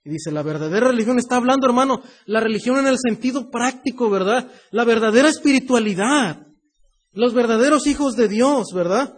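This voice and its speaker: A man's voice: very high-pitched, a little fast, slightly rough. A man preaching a sermon in a conversational way, often adding "right?" and addressing the listener as brother. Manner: conversational preaching, often tagging "¿verdad?" and "hermano".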